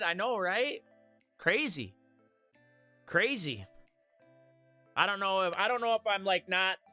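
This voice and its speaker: Chatty streamer guy, high-pitched, close dry mic. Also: bright, forceful tone, dry recording. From Michigan. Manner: chatty, laughs at his own jokes. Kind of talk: live stream chat with viewers.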